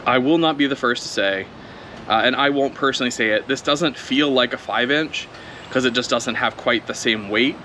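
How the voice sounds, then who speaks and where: A man giving relaxed, chatty commentary outdoors while he flies a drone, talking it through as he goes. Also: mid-range voice, normal speed, slight background noise. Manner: relaxed, chatty, thinking aloud while flying. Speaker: drone video creator. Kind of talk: casual first-flight commentary.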